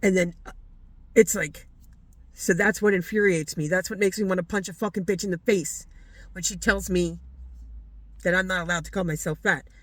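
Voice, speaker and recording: A woman's voice: on the low side, fairly even intonation, moderate pace, long pauses, dry recording, poor audio. A woman vlogger delivering a heated, blunt, profane rant straight to camera. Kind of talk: ranting monologue to camera.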